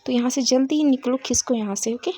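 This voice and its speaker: A woman's voice: high voice, fast talker, mellow, a little hiss or hum, close to an everyday voice. A woman voicing a brusque, dismissive young woman in a storybook tale, speaking curtly. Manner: curt, dismissive.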